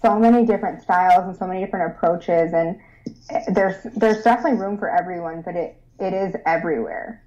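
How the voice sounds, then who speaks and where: A woman's voice: fairly low pitch, fast, dark tone. Bubbly young woman, lo-fi sound. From Rochester, New York. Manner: bubbly, eager, laughs often. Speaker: guest designer. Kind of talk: casual interview. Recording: dull lo-fi sound.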